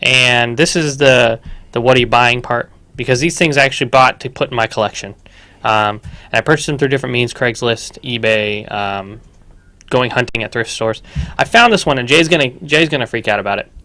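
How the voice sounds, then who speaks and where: Young man, from Texas, co-host, casual gaming chat, rambling, laughs a lot, mid-pitched voice. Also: brisk, pushed and bright, no room sound. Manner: rambling, laughs often, many restarts. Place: livestream studio.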